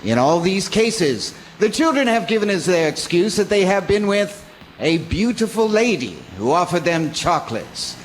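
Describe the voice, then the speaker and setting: A man plays a formal announcer reading newspaper reports for a radio drama. His voice is high for a man, with faint noise behind it. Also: sing-song, normal speed, rough recording. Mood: formal, urgent. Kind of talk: scripted radio drama narration.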